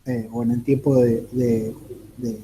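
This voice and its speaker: A man lecturing a class, halting and repeating words, often asking the listeners rhetorical questions. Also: mid-range voice, flat delivery, very noisy. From Argentina. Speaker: teacher.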